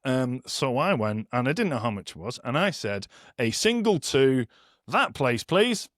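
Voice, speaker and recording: A man's voice: medium pitch, big pitch swings, a little slow, fairly bright tone, no room sound, clean studio sound. A middle-aged man, hosting a podcast and telling jokey stories with a laugh. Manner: jokey storytelling, laughs at his own stories. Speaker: podcast host. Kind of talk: casual chat.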